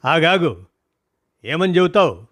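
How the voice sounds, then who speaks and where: A man voicing a middle-aged hospital doctor who gives steady, firm instructions to a worried family. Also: a little high, takes it slowly, dry recording, studio quality, pitched above the performer's own voice, exaggerated voice. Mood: calm, directing.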